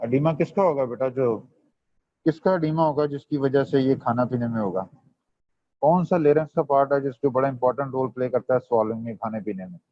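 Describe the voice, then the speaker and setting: A man of medium pitch speaks briskly in a dry recording. Quizzing students in an online medical revision lecture, he mixes Hindi with English terms, and the audio is dull and lo-fi.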